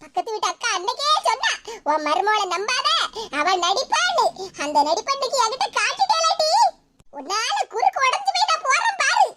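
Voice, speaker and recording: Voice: extremely high pitch, sing-song, normal speed. A performer voicing a quarrelsome older village mother-in-law with a Tirunelveli Tamil accent, wailing and scolding in a cartoon. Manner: wailing, scolding, dramatic complaints. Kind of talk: cartoon voice acting. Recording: loud background hiss.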